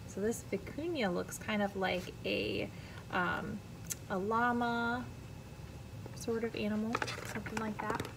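Reading a picture book to young listeners in an indoor classroom, an American woman in her thirties sounds like a teacher: expressive, careful and full of friendly asides. Her mid-range voice is gravelly, with a steady tone and measured pace, against background noise.

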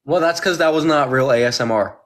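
A live-stream host talking to guests by phone, blunt and sassy with quick comebacks. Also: medium pitch, fairly bright tone. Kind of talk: casual live-stream chat.

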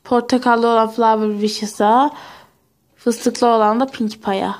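A woman's voice: on the high side, little pitch movement, unhurried. A young woman performing every part of a homemade pony toy story, switching between chatty playful character voices.

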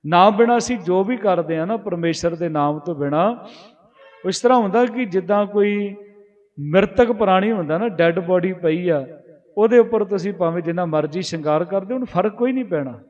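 A man preaching a sermon, chanting scripture lines slowly and explaining them plainly, and asking his listeners direct questions. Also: high voice, darkish tone, in a large hall, dull audio. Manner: slow, drawn-out recitation of verses between plain explanation. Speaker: Sikh preacher giving scripture commentary.

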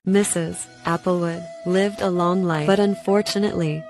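A woman putting on a solemn storybook narrator voice over loud music in a comedy skit. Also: fairly low pitch, fairly even intonation, normal speed, lightly acted.

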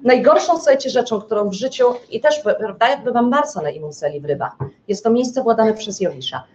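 A woman's voice: a little high, animated, brisk, a little mellow, a little hiss or hum. A woman giving a live astrology lecture, who keeps checking in with her listeners and asks rhetorical questions, then answers them herself. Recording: dull lo-fi lecture recording.

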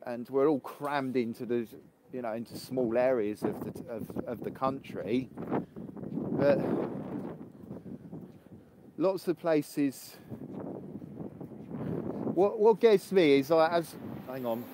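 A man's voice: mid-range voice, takes it slowly, pauses often. Casual English host in his fifties with a north-of-London accent, chatting on a phone outdoors with faint noise behind. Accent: English, from just north of London. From England. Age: 50s. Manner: chatty, joking, rambling. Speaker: live stream host. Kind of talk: casual live chat with viewers. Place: outdoors, walking in the cold.

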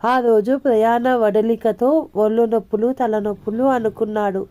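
A woman narrating an audio novel in a steady, even storytelling manner. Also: a little high, normal speed.

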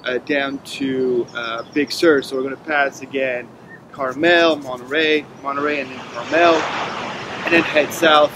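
Over a bed of music and background noise, a thirtysomething Frenchman with a French accent narrates his road trip in a higher-leaning voice. Easygoing and filler-heavy, the vlogger moves between a camper van and an outdoor picnic table.

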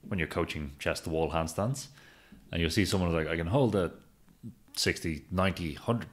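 Brief: low male podcast co-host, handstand coach, animated storyteller. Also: normal speed. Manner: lively storyteller, acts out quotes. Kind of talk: casual podcast conversation.

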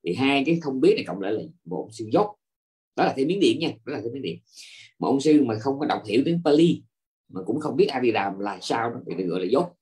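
Male monk teacher, dharma lecture, pitch swings widely, asks the class rhetorical questions, stalls on repeated fillers. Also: very animated, quick pace, a little mellow. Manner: repeats filler words while searching.

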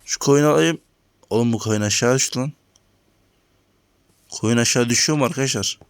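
A man hosting a gaming channel chats with viewers during his own casual let's-play, complaining about lag. He speaks fairly quickly in a clear, resonant mid-range voice, recorded dry.

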